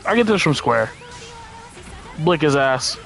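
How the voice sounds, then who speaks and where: A man giving casual gameplay commentary in a laid-back, slangy, profane way, rambling and thinking out loud as he plays. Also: fairly high pitch, very animated, unhurried, vocal fry, soft background music. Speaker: game streamer.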